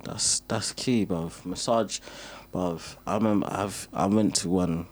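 A young man with a fairly low voice and a London roadman accent. He banters casually, peppers everything with street slang and repeats phrases to drive a point home. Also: measured pace. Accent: London, urban roadman slang. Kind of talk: casual banter between friends.

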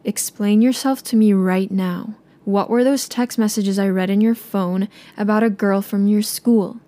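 A woman's voice: medium pitch, fairly even intonation, a little slow, mellow, natural voice. A woman voicing her angry, strict middle-aged mother inside a spoken personal story.

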